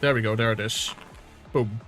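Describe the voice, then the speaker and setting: A man's voice: lowish voice, steady tone, moderate pace, fairly bright tone, faint music behind. A man acting as game master who narrates a tabletop game in a casual, rambling way and swears lightly now and then.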